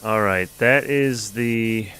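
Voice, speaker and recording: A man streams a video game and keeps up casual commentary, joking and swearing as he plays. His voice is lowish, smooth, and sharp in tone, and he speaks slowly.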